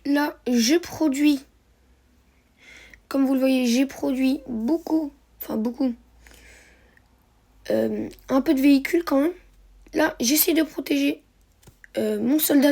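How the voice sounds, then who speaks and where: Woman, high mellow voice, walking viewers through a strategy match with lots of "uh"s and restarts. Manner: hesitant, many fillers and self-corrections. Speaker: gameplay commentator. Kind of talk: narrated strategy game replay commentary.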